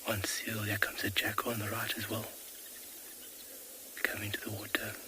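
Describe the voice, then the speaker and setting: Man, whispering, low flat voice, awed safari commentary, clear outdoor ambience behind. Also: moderate pace, heavy background noise. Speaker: safari guide. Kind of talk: whispered live wildlife commentary. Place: outdoors at a watering hole.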